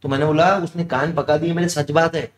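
Young man, teacher, high voice, chatty classroom aside, asks his own questions, echoey room. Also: fairly even intonation, fairly quick, a little hiss or hum. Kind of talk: casual classroom digression.

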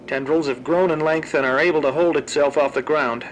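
Speaking a little fast with a fairly high, steady voice, a man narrates a scripted audio log for a horror fan drama. His character is a researcher who coolly records grim monster experiments in a terse, clinical way. The voice sounds natural, though the low-quality recording carries slight background noise.

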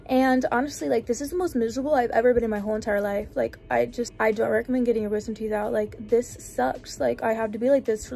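A woman's voice: fairly high pitch, vocal fry, a little mellow. A young woman who feels sick and sore, complaining whinily in a casual vlog, saying "like" constantly. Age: young adult. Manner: whiny complaining, heavy filler "like". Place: indoors on a couch or bed.

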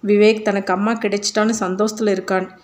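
Earnest troubled father as a woman reads him, pleading, quick long runs, flat pitch, audiobook. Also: lightly acted.

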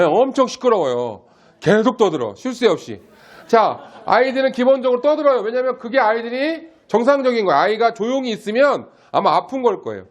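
High-voiced man preaching simply. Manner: simple, slow-paced teaching with questions to the congregation. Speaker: pastor.

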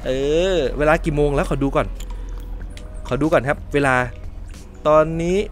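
A man hosting a let's play, giving polite, chatty running commentary and often shouting out in surprise. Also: fairly high pitch, soft background music. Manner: excitable, quick to shout in surprise. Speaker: gaming channel host.

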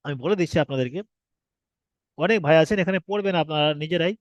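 Speaking quickly in a fairly high pitch, a man leads a recorded online lesson on how alphabet letters look and sound. He explains patiently, going over points again with rhetorical questions, and the audio is dry.

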